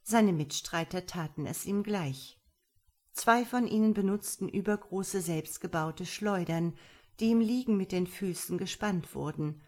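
A woman with a lowish voice reads a crime story aloud as a podcast host. Her storytelling is lively and dramatic, with clear, steady diction. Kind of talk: audiobook reading of a crime story.

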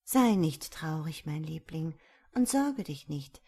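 A tender mother's voice, slow and soothing, full of calm comfort, as a woman reads it out in a storybook. She speaks gently and unhurriedly. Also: low-pitched, slightly rough, full character voice.

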